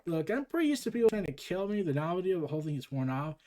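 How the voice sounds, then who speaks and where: A comic book reader voicing an angry, brooding teenage boy vigilante, speaking in a flat, grim way. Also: mid-range voice, very fast, natural voice. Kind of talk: comic book read-aloud.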